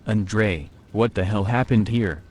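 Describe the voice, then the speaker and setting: A man's voice: fairly low pitch, slow pace, a little mellow. A synthetic male text-to-speech voice playing a menacing, vengeful vampire in a video game, speaking in curt lines. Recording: faint background noise.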